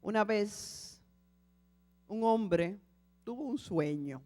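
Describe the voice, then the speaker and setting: A woman preacher narrates a story to her congregation with dramatic swings, at times dropping to a hush. Her pitch sits in a middle range. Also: animated, extremely slow. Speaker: preacher, community founder. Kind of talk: sermon storytelling.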